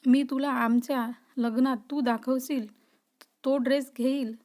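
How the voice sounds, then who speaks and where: A woman's voice: high voice, steady tone, measured pace, darkish tone. Eager young man in love, read by a woman. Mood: coaxing.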